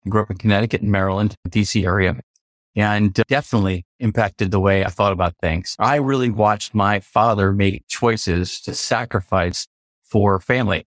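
A culture consultant from the US East Coast, appearing as a podcast guest, speaks earnestly and reflectively in a casual interview, pausing to add clarifications. His voice is fairly low, on a dry, studio-quality recording.

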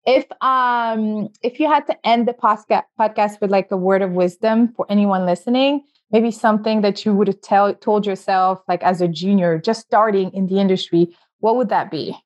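Hosting a casual podcast interview, this woman speaks at medium pitch and normal speed with few pauses and a darkish tone. Her questions run long and rambling, delivered chattily with frequent laughter, and the audio has a slightly dull quality.

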